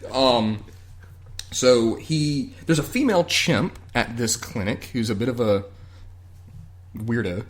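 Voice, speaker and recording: A man's voice: medium pitch, slow, pauses often. A man hosting a podcast, casually recapping a TV episode in a loose, profane way with lots of fillers. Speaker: podcast host.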